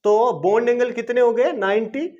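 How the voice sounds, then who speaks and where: Male teacher with a very high voice, self-answering questions, dull lo-fi recording. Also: fairly even intonation, normal speed, a little mellow. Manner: asks questions and answers them himself; repetitive, coaxing teaching. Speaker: chemistry teacher. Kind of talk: classroom-style video lesson. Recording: dull lo-fi video lesson recording.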